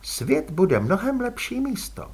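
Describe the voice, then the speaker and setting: An elegant female vampire with a cool, drawling, aristocratic manner, as a male audiobook narrator puts her on. The voice rides high and swoops all over, with a husky grain underneath. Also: big pitch swings, darkish tone, full character voice. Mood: cool, poised. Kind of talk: audiobook character voice.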